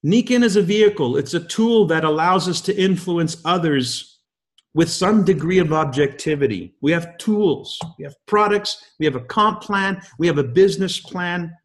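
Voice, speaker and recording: His pitch is on the high side and his pace normal. The speaker, a man in his fifties acting as guest host of a leadership call, offers a motivational talk full of pointed rhetorical questions.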